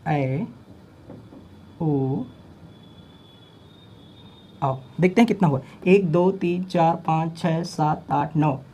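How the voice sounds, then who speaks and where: A man's voice: on the high side, drawn-out words, long pauses, mellow, a little hiss or hum. Man drilling exam-prep lesson. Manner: repetitive drilling, reciting letters aloud, asks questions and answers them himself. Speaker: teacher.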